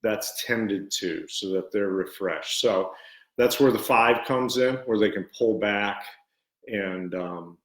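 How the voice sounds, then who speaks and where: Man, lowish voice, earnest, halting, fillers, roomy echo. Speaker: co-host and author. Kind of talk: live-stream book discussion.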